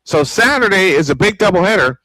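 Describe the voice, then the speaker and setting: This American sportscaster's voice is high-pitched, expressive, bright and forceful, and he talks fairly quickly. He gives live old-school baseball play-by-play with casual asides from a small home-style studio, on a dry recording with poor audio.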